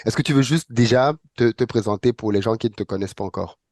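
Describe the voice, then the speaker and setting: A man's voice: on the low side, quick pace, darkish tone, no room sound. Man hosting an online interview. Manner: welcoming, hesitant with many fillers. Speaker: host. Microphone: online call.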